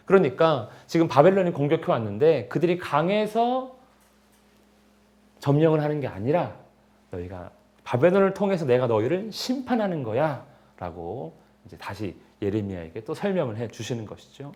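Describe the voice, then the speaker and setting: A man's voice: on the high side, sing-song, normal speed, a little mellow. A man, a pastor, leading a Bible study in a conversational way and acting out prayers and replies as dialogue.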